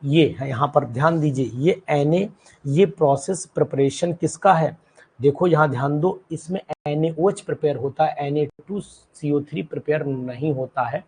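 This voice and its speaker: A male chemistry teacher with a husky, mellow voice runs a live online class. He keeps firing questions at students by name and repeats key terms so they stick. English technical words slip in among his explanations. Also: on the high side, normal speed, low-quality recording.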